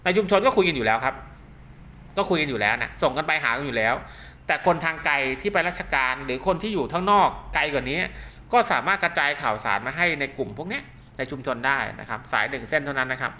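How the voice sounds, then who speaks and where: A man gives an informal, hands-on demonstration of equipment. His voice is bright and forward, and he talks quickly, circling back over points with frequent polite tags. Some noise sits behind the voice. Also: mid-range voice, expressive. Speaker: product demonstrator and maker of radio link cables. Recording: clear background noise.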